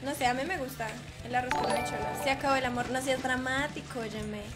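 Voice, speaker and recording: A woman's voice: high voice, fairly even intonation, fast, loud music behind the voice. A woman streaming a game live, teasing and chatting playfully with her viewers.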